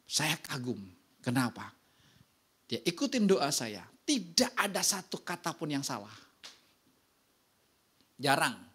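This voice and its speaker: A pastor preaching a casual, lively sermon, telling stories and often checking in with the congregation. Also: male voice, on the high side, slow, long pauses, slightly rough. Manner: casual, slangy preaching with anecdotes.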